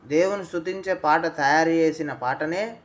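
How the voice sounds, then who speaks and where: A man's voice: a little high, normal speed. A man quizzing a young boy in a casual way, coaxing him along and repeating his answers back, then dictating lines phrase by phrase for the boy to repeat.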